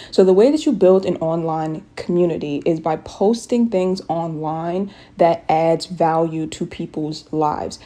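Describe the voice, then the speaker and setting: A woman's voice: fairly low pitch, a little mellow. A young woman YouTuber talking earnestly and encouragingly to her viewers, with many "you know"s and "like"s. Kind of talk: casual talk to camera with a voiceover.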